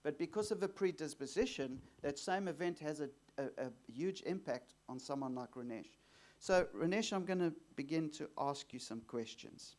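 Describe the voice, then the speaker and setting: A man hosts an onstage interview, his voice pitched a little high. He asks leading questions and keeps the guest going with short murmurs. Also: expressive, normal speed, hardly any pauses, a little mellow. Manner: leading questions with frequent "mm" backchannels. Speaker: host, exorcist.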